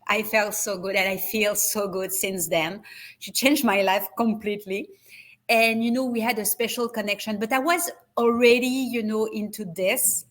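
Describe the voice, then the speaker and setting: The guest, a woman who founded a wellness retreat, chats in a casual video-call interview with a French accent, stumbling through frequent fillers and restarts. Her voice is medium in pitch with a fairly bright tone.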